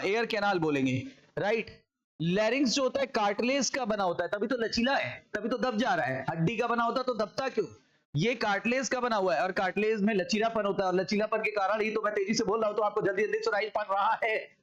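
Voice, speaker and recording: Indian man, high voice, energetic coaching-class biology lecturer, slightly muffled recording. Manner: energetic, asks and answers his own questions. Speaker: biology teacher.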